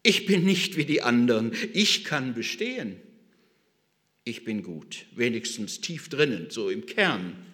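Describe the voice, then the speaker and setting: Preacher doing a defiant disciple, indignant, emphatic, slow, echoing hall. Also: male voice, medium pitch, very animated, sharp tone. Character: Peter, a proud defiant disciple insisting on his loyalty.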